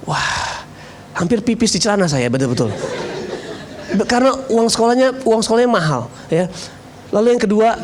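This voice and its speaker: High-voiced joking male pastor. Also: brisk, long pauses, background noise. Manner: lively, joking, self-mocking. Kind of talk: storytelling sermon.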